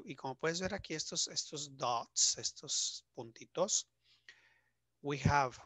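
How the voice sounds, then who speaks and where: A man teaching English to Spanish speakers in a video lesson, lively and asking the viewer questions. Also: medium pitch, dry recording. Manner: lively, stretches words and asks the viewer questions.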